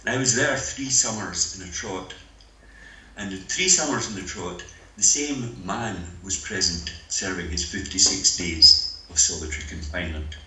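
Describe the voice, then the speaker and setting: Deep-voiced Scottish man lecturing dryly. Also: pushed and bright. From Scotland. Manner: measured, dryly humorous lecturing. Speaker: conference panel speaker. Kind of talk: conference talk by video link. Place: meeting room, voice played over speakers. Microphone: video call. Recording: roomy hall with faint noise.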